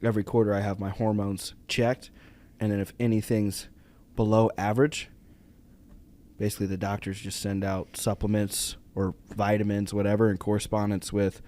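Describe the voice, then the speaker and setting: Young male host, 20s, lowish voice, easygoing and teasing. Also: little pitch movement, normal speed, mellow. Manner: teasing, laid-back, often laughing. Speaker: podcast host. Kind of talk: casual podcast chat.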